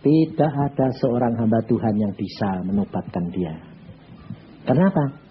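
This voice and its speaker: Blunt, animated preacher man. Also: mid-range voice, unhurried, phone-quality sound, slight background noise. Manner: blunt, animated storytelling, acts out both sides of dialogues. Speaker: evangelist preacher. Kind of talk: sermon with acted-out anecdotes.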